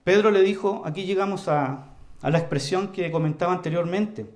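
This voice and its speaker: A man preaching an earnest, emphatic sermon to his congregation, repeatedly calling them brothers and moving between loud emphasis and quiet, low passages. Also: a little fast. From Chile. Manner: earnest, emphatic, often addresses the congregation as "hermanos"; varies volume widely, rising to loud emphasis and dropping low.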